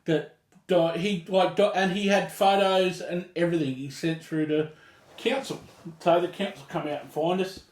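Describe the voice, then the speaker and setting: Aussie bloke, slightly high voice, slangy and sweary podcast storyteller, echoey room. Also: male voice, steady tone, moderate pace. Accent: Australian. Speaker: podcast co-host telling a gripe. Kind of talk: casual chat and storytelling. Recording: roomy, echoey sound.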